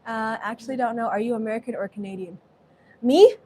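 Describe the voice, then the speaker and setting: Cooking live from her home kitchen, a woman from Southeast Asia keeps up a casual, chatty stream, reading out viewer comments and rambling with frequent restarts. Her voice is fairly high, brisk and warm, though the audio quality is poor.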